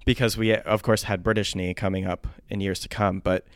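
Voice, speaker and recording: Podcast co-host, man, 30s, gravelly yet smooth, a bit low, dry close sound. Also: little pitch movement, dry recording. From United States. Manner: chatty, self-mocking, quick asides. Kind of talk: casual chat.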